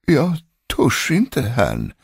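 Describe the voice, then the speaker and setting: A man's voice: lowish voice, very animated, gravelly, a little mellow, husky, dry recording, clean studio sound, full character voice. A man voicing a vain, cowardly young servant in a spoken ghost story. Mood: frightened. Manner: preening, then trembling.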